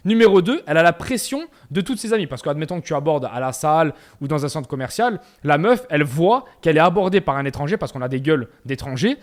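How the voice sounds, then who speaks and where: A man's voice: a little high, expressive, fast, hardly any pauses. A man with a Provençal French accent talking straight to camera, emphatic and slangy, hammering points home by repeating them. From Aix-en-Provence, southern France. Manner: emphatic, slangy, repeats phrases for emphasis, addresses viewer as "frérot". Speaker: self-improvement youtuber. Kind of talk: direct-to-camera motivational talk.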